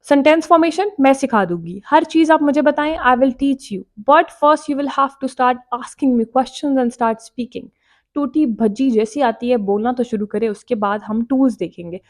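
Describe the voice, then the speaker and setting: A woman's voice: high voice, unhurried. A woman English teacher giving a casual spoken lesson, talking directly and encouragingly and repeating her points.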